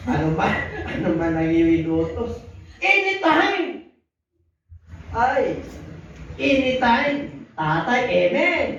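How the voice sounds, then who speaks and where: A man preaching a sermon, animated, mixing in English and laughing often. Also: a little high, a little hiss or hum. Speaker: pastor. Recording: echoey church hall from far off, dull sound.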